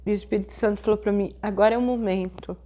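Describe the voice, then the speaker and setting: A middle-aged woman pastor, telling a personal testimony in a sermon with slow, emotional storytelling. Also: mid-range voice, steady tone, warm tone, lo-fi sound.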